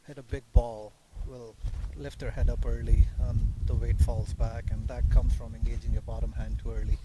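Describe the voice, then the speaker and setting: A man giving live cricket commentary, explaining batting technique like a coach, recorded outdoors at a ground. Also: mid-range voice. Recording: dull lo-fi with loud background noise.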